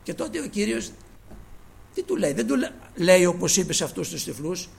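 A man preaching a sermon, addressing his listeners as brothers and moving between quiet asides and loud emphasis. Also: sits high, big pitch swings, creaky, rough recording.

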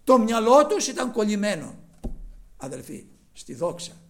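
Male preacher, high and very animated voice, rough edge, loud-to-hushed swings. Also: a little hiss or hum. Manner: swings between loud exclaiming and low quiet asides. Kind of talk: sermon.

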